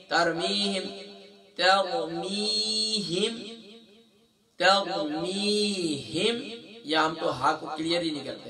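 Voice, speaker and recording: A man teaching a Quran recitation lesson, explaining mistakes quickly and then chanting the verses slowly and melodically. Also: sits high.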